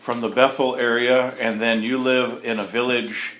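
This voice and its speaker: A male interviewer asking curious, halting questions with frequent fillers. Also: medium pitch, level tone, a bit bright, slight background noise. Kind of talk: casual interview. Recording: echoey room with faint ambience.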